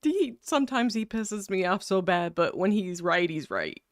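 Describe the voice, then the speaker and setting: A woman's voice: mid-range voice, animated, normal speed, no echo, clean studio sound. A woman host giving offhand, wry commentary between clips. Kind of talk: casual commentary reacting to clips.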